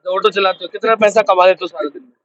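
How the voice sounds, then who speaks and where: A male street reporter with a high voice, pressing people with pointed questions and interrupting them. The sound is dry, close and dull, like a lo-fi roadside recording. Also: steady tone, very fast, fairly bright tone, no echo. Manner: pushy, probing questions, interrupts often.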